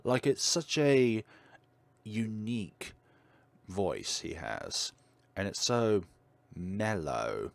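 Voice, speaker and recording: A man with a deep voice, chatting casually on a livestream with lots of fillers and a slight stutter. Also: big pitch swings, very slow, vocal fry, long pauses, no room sound. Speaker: streamer.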